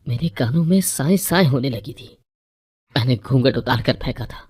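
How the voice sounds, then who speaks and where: A woman narrating a first-person moral story in a measured, even reading voice. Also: rumbling low, breathy edge.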